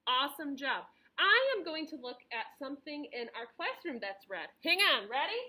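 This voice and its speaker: A preschool teacher speaks to young children as if reading to a toddler, encouraging them with simple phrases, stressing key words and pausing for their replies. Her voice is high, very animated and sharp in tone.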